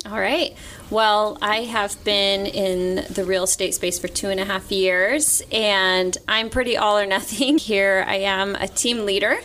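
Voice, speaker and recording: A woman with a medium-pitched voice answers casually as a podcast guest. She is recorded in a meeting room with faint noise behind her. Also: fairly even intonation, measured pace, a bit bright. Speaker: podcast guest, real estate executive. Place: conference room.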